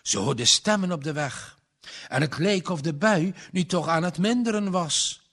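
A man reading a story aloud in an unhurried, even manner. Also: a little high. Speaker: narrator. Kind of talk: audiobook narration.

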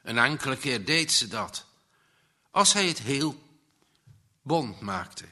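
A man reading a story aloud as narrator, in slow, measured storytelling. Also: mid-range voice, big pitch swings, sharp tone. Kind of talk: audiobook reading.

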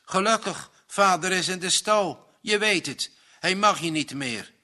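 A man's voice: high-pitched, expressive, a little slow, bright, forceful tone, pitched above the performer's own voice, heavily acted. A man voicing an anxious, earnest young farmer's son in a read-aloud story.

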